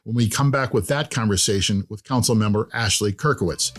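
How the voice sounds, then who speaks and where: A man's voice: fairly low pitch, brisk. A man hosting a podcast, reading a friendly scripted intro and then chatting with a guest, with light jokes. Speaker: podcast host. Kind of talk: scripted podcast narration and interview.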